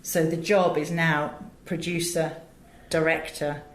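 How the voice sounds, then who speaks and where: A low-voiced woman talks slowly with little pitch movement. She's a middle-aged audiobook director and producer from England with a British accent, answering interview questions conversationally, full of emphatic anecdotes and side remarks. The recording has a roomy echo and faint background noise.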